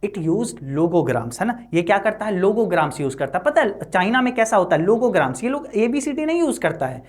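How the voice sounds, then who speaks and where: Woman English teacher, chatty line-by-line explainer, slow read-outs, frequent tag checks to students. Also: medium pitch, sing-song. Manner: constant "है ना" and "ठीक है" tag checks; reads English lines slowly, then explains.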